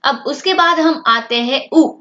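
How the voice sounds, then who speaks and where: A woman's voice: sits high, measured pace, bright, forceful tone. A woman teaching a language lesson to children, asking questions and then answering them herself. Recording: dull lo-fi sound.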